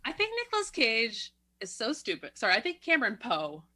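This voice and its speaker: A woman's voice: a little high, wildly swooping pitch, fairly quick, bright, forceful tone. Blunt, opinionated woman podcast co-host. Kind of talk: casual film-review chat.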